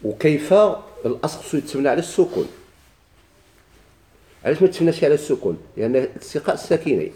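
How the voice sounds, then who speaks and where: A man with a Moroccan Arabic accent teaches a grammar class at a quick clip. He keeps firing questions at his students and answering them himself. His voice is mellow and a little dark, and it carries an echo from the room. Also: on the high side, big pitch swings. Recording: echoey room.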